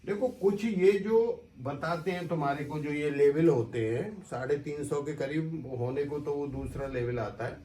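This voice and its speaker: A man, an astrologer, talks straight to his viewers, explaining and instructing in a familiar way. His voice sits a little high. He sounds some way from the mic, in a room that echoes. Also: normal speed, hardly any pauses, warm tone, recorded from a distance. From India. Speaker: astrologer giving market analysis. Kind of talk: casual explanatory talk to viewers.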